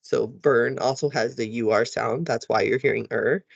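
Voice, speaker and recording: A man's voice: mid-range voice, moderate pace, creaky, husky, no room sound, lo-fi sound. A man explaining how to use phonics lesson slides, talking teachers through each part and sounding out letters the way they should with kids. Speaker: teacher trainer. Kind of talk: recorded tutorial walkthrough.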